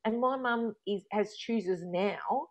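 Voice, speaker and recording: A woman's voice: mid-range voice, slow. A woman in her thirties with an Australian accent, candidly telling a personal story and acting out remembered arguments. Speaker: guest. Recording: dull lo-fi sound.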